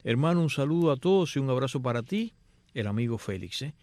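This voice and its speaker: A man hosting a radio show, reading listener emails aloud in lively, playful voices. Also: medium pitch, quick pace, no echo. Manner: animated, reads emails in playful put-on voices. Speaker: radio host. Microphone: headphones and studio mic.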